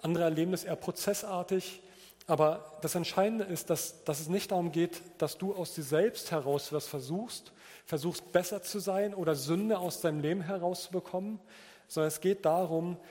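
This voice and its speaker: A man's voice: on the high side, darkish tone. A man preaching a sermon in an informal, explanatory manner, using an everyday object as an illustration. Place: church hall. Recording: reverberant church hall.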